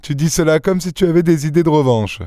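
A man reading an audiobook and voicing a suave gentleman thief with an airy, teasing, self-assured manner. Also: fairly high pitch, fast talker, no room sound, studio quality, pitched above the performer's own voice, natural voice. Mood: teasing, triumphant.

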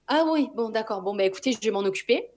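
A woman's voice: on the high side, lively intonation, fast talker, a little mellow, close to an everyday voice. A woman mimicking a curt, irritated night nurse. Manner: impatient, exasperated.

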